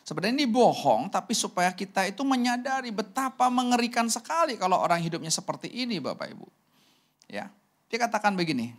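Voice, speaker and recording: A male pastor preaching at a church service in an emphatic manner. He swings between forceful emphasis and near-hushed asides. He keeps turning to address the congregation. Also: high voice, sing-song, fast talker. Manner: emphatic, swings from loud to very soft. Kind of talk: sermon.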